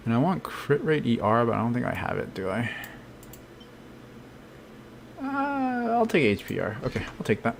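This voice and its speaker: A man's voice: medium pitch, sing-song, fast, gravelly, a little hiss or hum. A man streaming a game, thinking aloud casually and answering chat questions. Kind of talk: live gameplay commentary.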